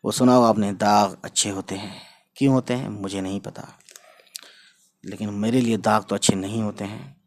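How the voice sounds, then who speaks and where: Man slowly spelling out words letter by letter. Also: on the low side, fairly even intonation. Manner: slow, repeats each word several times and spells it out letter by letter; mixes English words into his talk. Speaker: Urdu teacher. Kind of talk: casual spoken lesson.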